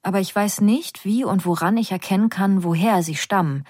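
A woman reading a novel aloud in the first person, lifting her pitch for the characters' quotes. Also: moderate pace, a little mellow, no echo, clean studio sound. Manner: reads character quotes with slightly raised pitch. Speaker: audiobook narrator. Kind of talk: literary narration in first person.

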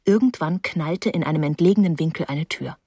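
A woman reading a first-person novel aloud in a quiet, measured storytelling voice. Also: low voice, slightly rough, no room sound, studio quality. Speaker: audiobook reader. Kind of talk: scripted first-person narration.

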